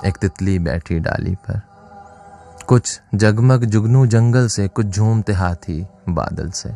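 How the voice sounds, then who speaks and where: A man reciting a nostalgic poem slowly, with long lingering pauses. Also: lowish voice, warm tone. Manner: slow, lingering, wistful recitation. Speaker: poetry reciter. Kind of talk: slow poetry recitation over music. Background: music.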